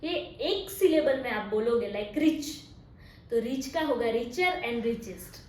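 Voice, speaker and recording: A woman's voice: on the high side, lively intonation, slow, darkish tone. A woman with a Gujarati accent teaching English grammar, mixing Hindi and English, drawing out her example sentences and often checking "okay?". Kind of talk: classroom-style grammar lesson. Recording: echoey room with faint noise.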